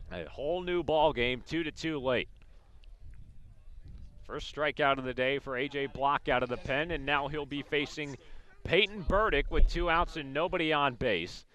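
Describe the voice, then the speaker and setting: A man's bright, forceful voice, pitched on the high side, carries live radio commentary of a baseball game. He describes the action in clipped bursts as the plays unfold.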